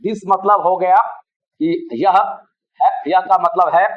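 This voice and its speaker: A man teaching a spoken English class, explaining grammar slowly and spelling words out letter by letter. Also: sits high, steady tone. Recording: dull lo-fi sound.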